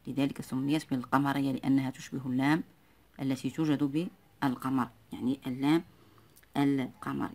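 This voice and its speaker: A man teaching a spelling lesson in a formal, patient classroom manner. His voice stays level and flat in pitch. He drills each word slowly and repeats single sounds over and over so that learners can follow.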